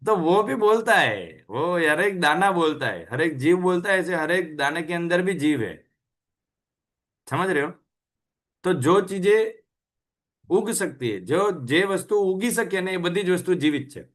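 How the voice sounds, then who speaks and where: A man's voice: high voice, animated, moderate pace, a bit bright. A man hosting a health channel, giving a casual motivational talk, chatty and full of rhetorical questions, mixing languages.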